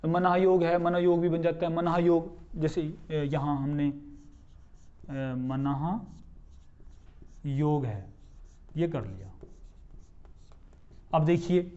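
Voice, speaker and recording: A man's voice: a little high, a little mellow, dull audio. A man teaching a grammar lesson, explaining step by step, asking his own questions and answering them, and spelling out words syllable by syllable. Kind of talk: classroom-style grammar lesson.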